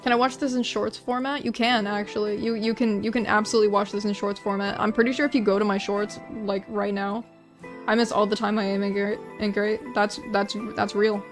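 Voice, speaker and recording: Over music, a young woman talks with her livestream audience as she draws, her medium-pitched voice flat and brisk. The chat is rambling and self-deprecating, with frequent restarts.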